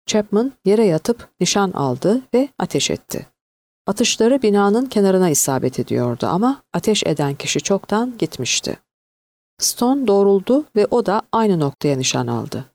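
A woman narrating an audiobook in an expressive, varied reading. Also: medium pitch, moderate pace, no room sound.

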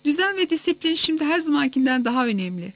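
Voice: medium pitch, quick pace, natural voice. A reader voicing a stern male temple leader who gives orders to a crowd in an audiobook. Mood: commanding. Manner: stern, proclaiming. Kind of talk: audiobook reading.

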